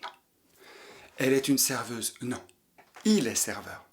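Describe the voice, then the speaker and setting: For learners of French, a male teacher goes slowly, patiently repeating each sample sentence for them to copy. He speaks a little slowly in an expressive, mid-range voice.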